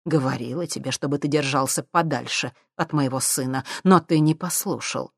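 Icy, calm menacing mother, read by a woman. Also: rumbling low, creaky, no echo, clean studio sound, full character voice. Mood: cold menace. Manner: calm, cold, measured. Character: cold, ruthless wealthy mother, calm and menacing.

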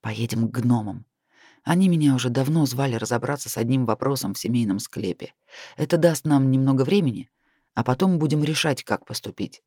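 A man reading an audiobook voices a calm, secretive male necromancer who speaks in a hushed, measured way. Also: medium pitch, husky, dry recording, clean studio sound.

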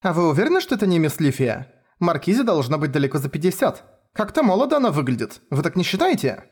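A man's voice: a little high, big pitch swings, fast, darkish tone, husky, voice pushed up. A man voicing an overwrought young male detective who whines and pleads dramatically. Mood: excited. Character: melodramatic young male detective, wounded, whining.

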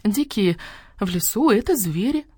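A woman's voice: expressive, moderate pace, mellow, breathy edge. A woman doing a coy, whiny vixen. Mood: haughty. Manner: coy, whiny, shrill at times. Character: coy, vain vixen who poses as helpless.

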